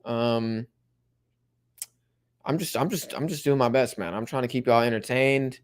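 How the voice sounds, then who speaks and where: A man's voice: medium pitch, a little slow, clear, resonant tone. Laid-back young man hosting a watch-along. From Mexico-supporting fan. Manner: laid-back, chatty, bursts of excitement at plays. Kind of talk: casual live commentary and chat reading.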